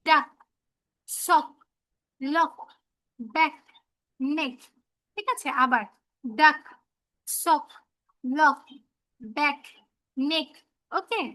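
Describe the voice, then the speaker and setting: A woman's voice: high voice, sharp tone, no room sound. A woman teaching children English phonics in an online class, patiently repeating example words and checking that they follow.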